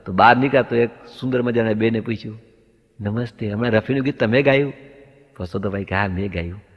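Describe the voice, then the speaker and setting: A man's voice: on the low side, quick pace. A man doing stand-up comedy, telling anecdotes and acting out both sides of the dialogue up to the punchline. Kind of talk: stand-up comic storytelling. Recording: dull lo-fi sound with long hall reverb.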